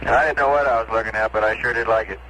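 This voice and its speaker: Astronaut voice on breaking-up space radio, low-pitched man, clipped readbacks, faint hiss. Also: steady tone, fast. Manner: clipped radio procedure, reads numbers back. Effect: crackly space-to-ground radio transmission, archive recording. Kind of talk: space-to-ground radio exchange.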